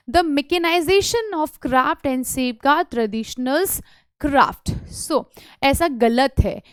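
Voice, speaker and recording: A woman teaching an English exam lesson online, mixing Hindi and English and coaxing students with quick questions. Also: a little high, smooth, no echo, clean studio sound.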